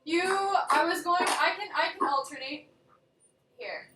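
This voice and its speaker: A woman narrating a tabletop game on a live stream as its game master. Her voice is high and bright, and it swings widely in pitch. She sounds distant from the mic in an echoey room. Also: measured pace, slight background noise. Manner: lively, laughs often, restarts and stammers.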